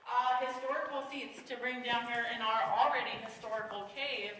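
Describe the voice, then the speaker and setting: A woman's voice: fairly high pitch, steady tone, moderate pace, bright, forceful tone. A woman leading a cave tour in a casual, chatty way, her voice echoing off the cave walls. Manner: casual, chatty, gives safety reminders. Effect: cave echo. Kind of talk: guided tour talk. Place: inside a large cave. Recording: echoey cave voice from a distance, faint noise.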